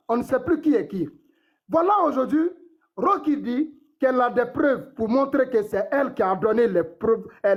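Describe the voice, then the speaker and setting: Ivorian man, very high voice, rambling live-stream panelist, dull lo-fi phone sound. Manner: rambling, repeats words, addresses others directly. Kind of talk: casual live-stream debate.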